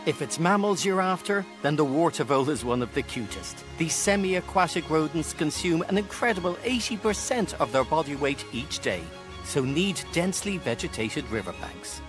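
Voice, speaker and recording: A male narrator with a slightly high voice reads a scripted nature guide. Music plays clearly behind him. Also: animated, moderate pace.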